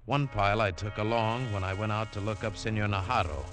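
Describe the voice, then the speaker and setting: In a 1950s radio drama, a man acts as narrator and lead, playing a tough adventurer telling his own tale in a terse, wry manner. His lowish voice sounds natural and moves a little fast, over music on an old radio broadcast.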